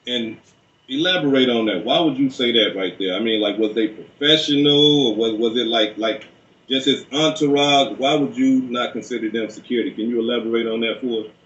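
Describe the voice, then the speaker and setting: A man's voice: mid-range voice, brisk, a bit bright. A man conducting an informal interview with probing, clarifying questions. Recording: distant, echoey, muffled room sound.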